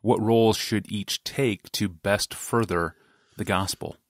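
Deep-voiced man reading a question. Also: steady tone, slow pace, no room sound, studio quality. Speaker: podcast host reading a listener question. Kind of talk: scripted read.

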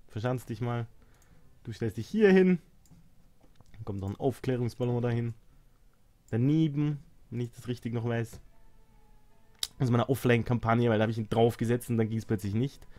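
A man's voice: medium pitch, dark tone. A young man casually commenting on his strategy game, sarcastic and chatty, talking to his units and muttering at distractions. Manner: chatty, sarcastic, talks to game units and phone, mixes English swears. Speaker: let's play host.

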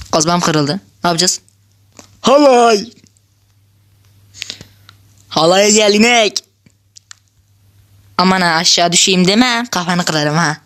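A woman hosting a gaming channel, giving chatty, excitable gameplay commentary, laughing often and talking straight to her viewers. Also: fairly low pitch.

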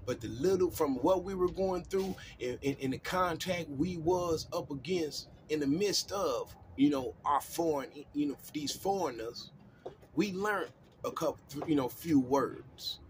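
This man, from the United States, hosts a discussion show where he talks casually about scripture and history. His voice sits on the high side at a measured pace, loose and repetitive with refrains like "come on in, man," then loud and emphatic as he tells history. Slight background noise is present.

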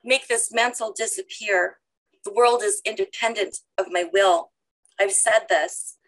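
A middle-aged woman reading her own poetry aloud in a measured, deliberate way, speaking over a video call from a room at home. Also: medium pitch, rough recording. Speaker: poet reading her work.

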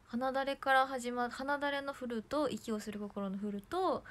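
A young woman with a hoarse throat chatting casually on a livestream, bubbly and chatty, often dropping to soft near-whispers. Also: high-pitched, fairly even intonation, moderate pace. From Japan. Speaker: idol livestreamer.

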